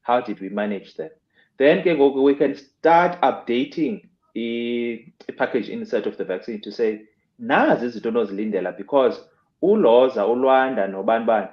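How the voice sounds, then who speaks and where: A man's voice: mid-range voice, normal speed. A man with a South African Xhosa accent explaining things as a radio interview guest, switching between two languages, in muffled, roomy audio. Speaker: health expert guest.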